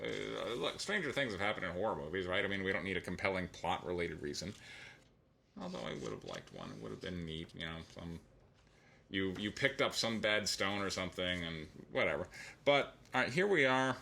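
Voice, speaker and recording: A man's voice: low voice, big pitch swings, a little fast, vocal fry, pushed and bright, slight background noise. A man giving an opinionated, casual spoken review of a comic book, thinking aloud as he goes.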